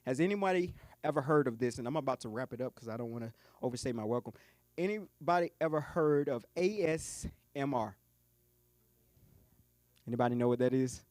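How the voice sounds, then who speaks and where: A man's voice: mid-range voice, a little mellow, dry recording. A man who coaches businesses, giving a live keynote talk at a conference lunch. He jokes and talks straight to the audience.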